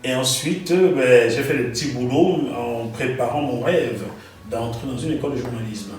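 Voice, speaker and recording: A man from Gabon, a guest in an interview, telling his story in an animated way and repeating words as he recalls details. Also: mid-range voice, normal speed, heavy reverb, recorded from a distance, rough recording.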